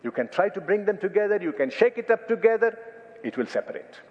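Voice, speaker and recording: A man with an Indian accent preaching a sermon, emphatic and repeating key phrases slowly for weight. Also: high-pitched, very animated, big-room sound, lo-fi sound.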